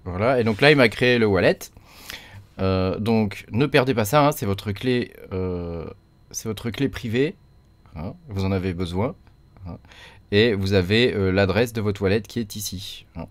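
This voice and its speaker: A man's voice: fairly low pitch, measured pace, dry recording. A man talks through a computer tutorial in a casual, chatty way, full of fillers and little tags. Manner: chatty, many fillers and tag "hein". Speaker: crypto mining tutorial host. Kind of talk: casual screen-recorded tutorial.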